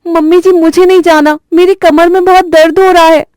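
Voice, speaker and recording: A woman voicing a lazy, scheming young bride in a cartoon story, whining high and complaining. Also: flat delivery, normal speed, a little mellow, dry recording, clean studio sound. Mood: whiny.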